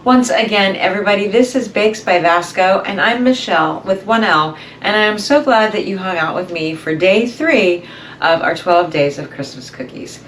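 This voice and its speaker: A woman's voice: mid-range voice, moderate pace, a bit bright. A middle-aged woman hosting a home baking video, chatty and upbeat as she talks straight to viewers. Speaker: baking channel host. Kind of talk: casual cooking demonstration. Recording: voice a little far from the mic, faint room noise.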